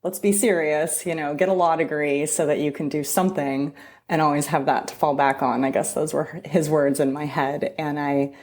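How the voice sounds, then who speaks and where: Her voice is low-pitched with fairly even intonation and a moderate pace as this middle-aged immigration lawyer from Southern California shares her story in an interview. The storytelling is warm and conversational, punctuated by frequent restarts.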